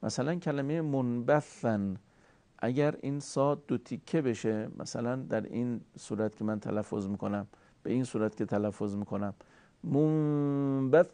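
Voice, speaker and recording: A man giving a formal recitation lesson, courteous and deliberate, slowly drawing out sounds to show how they are made. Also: medium pitch, fairly even intonation, mellow, no echo. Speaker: Quran recitation teacher.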